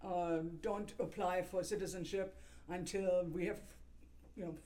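A man's voice: high-pitched, steady tone, a little slow, darkish tone. Middle-aged man with a German accent. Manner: anecdotal, laughs while telling stories. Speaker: music professor. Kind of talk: interview guest, storytelling.

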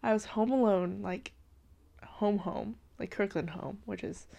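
The audio is dull as a young woman from Washington state chats on her podcast at night from her darkened bedroom, her mid-range voice creaky, mellow and a little slow. Slightly congested from allergies, she rambles and giggles, leaning heavily on "like" and "literally."

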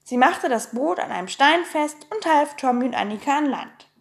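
Expressive high-voiced woman reading a story. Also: normal speed, gravelly, reverberant. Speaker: narrator. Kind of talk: audiobook reading.

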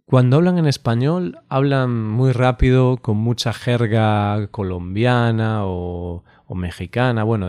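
A man from Spain co-hosting a podcast in casual, unscripted conversation, relaxed and chatty with frequent laughs and hesitant fillers. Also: medium pitch, dry recording, clean studio sound. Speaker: podcast co-host.

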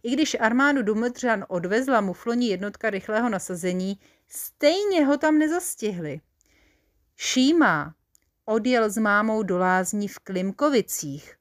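A woman reading a children's story aloud in a playful, expressive, confiding way. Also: medium pitch.

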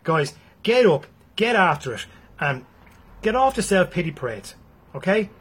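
A man's voice: high voice, sing-song, moderate pace, fairly bright tone, husky. A man with an Irish accent giving a blunt, freely swearing motivational talk to his viewers. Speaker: motivational speaker.

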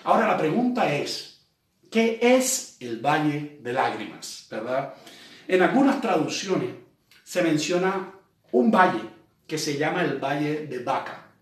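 Male preacher, conversational sermon, slightly high voice, very roomy and off-mic. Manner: conversational preaching with frequent rhetorical "¿verdad?"; reads scripture aloud slowly, then explains it. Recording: very echoey room, voice from a distance.

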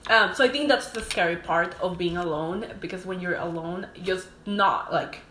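This young adult woman from Mexico has a voice on the low side and speaks at normal speed. As a podcast guest in a casual interview, she's relaxed and thoughtful, often saying um. The recording has an echoey room and faint noise.

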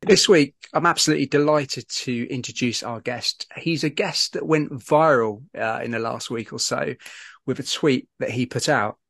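A man's voice: mid-range voice, normal speed, gravelly, fairly bright tone, faint music behind. A man hosting a podcast, introducing and questioning his guest in a conversational interview style. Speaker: podcast host.

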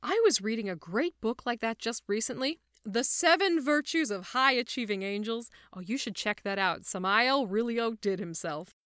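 Narrator doing a breezy bossy archangel man, lively and bright, dry sound. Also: a little high, moderate pace, few pauses, clear, resonant tone, no echo. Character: chipper bossy male archangel, oblivious.

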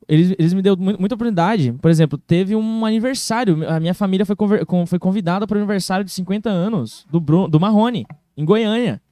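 Brief: guest storyteller, high voice, dry close sound, animated and quick. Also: male voice, no room sound. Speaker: podcast guest, singer. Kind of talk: casual storytelling chat.

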